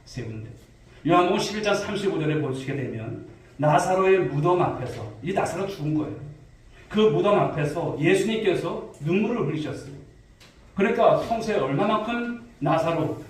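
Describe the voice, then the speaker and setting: Male pastor, somewhat high voice, sermon with questions to the flock, heard from afar with faint hiss. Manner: asks the congregation rhetorical questions, addressing them directly. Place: church sanctuary. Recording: echoey hall, distant mic, faint noise.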